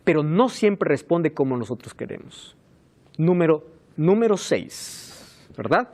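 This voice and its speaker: A man preaching a sermon as pastor, emphatic and animated, turning aside now and then to call on helpers. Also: a little high, measured pace.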